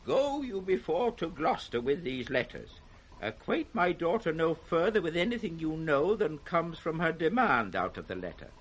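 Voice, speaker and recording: A man's voice: on the high side, big pitch swings, moderate pace, slightly rough. An actor playing an old, wounded and wrathful British king who fears madness, in 1960s radio Shakespeare on a noisy vintage recording. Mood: commanding.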